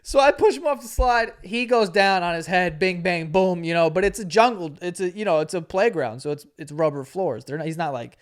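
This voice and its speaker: Man, late twenties, casual storytelling, swears a lot, slightly high voice, laughs and acts out quotes. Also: fairly quick, hardly any pauses. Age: 20s. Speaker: podcast host.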